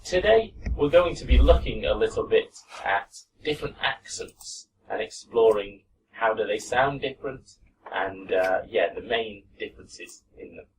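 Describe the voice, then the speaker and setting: A man teaching a pronunciation class, relaxed and full of fillers, slowing down to demonstrate words. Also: on the low side. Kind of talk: classroom lesson. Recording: distant mic with faint room noise.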